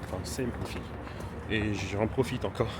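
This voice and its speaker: A man's voice: fairly low pitch, fairly even intonation, normal speed. A man casually vlogging on a trip, chatty and enthusiastic, with plenty of fillers. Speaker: vlogger, influencer. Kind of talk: casual travel vlog, talking to camera. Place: hotel room and city streets. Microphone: handheld camera. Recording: noisy outdoor street ambience.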